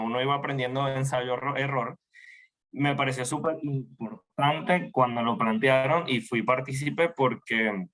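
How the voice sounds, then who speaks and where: Man, bright forceful tone, halting with many restarts, panelist, online talk. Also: medium pitch. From Venezuela.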